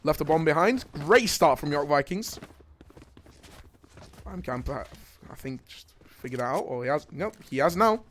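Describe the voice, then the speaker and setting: A young man casting a live esports match, jokey and excitable, rising to shouts on big plays and dropping to quiet asides. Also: on the high side, a little slow, long pauses. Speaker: esports caster.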